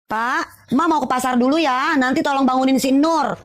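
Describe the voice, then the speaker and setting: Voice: high voice, steady tone, moderate pace, a bit bright. A performer voicing a bossy mother who scolds the father. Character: bossy mother figure, nagging.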